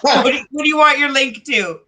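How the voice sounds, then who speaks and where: A woman's voice: sits high, a little fast, noisy background. Playful woman in her thirties, teasing. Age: 30s. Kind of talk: casual chat on a video call.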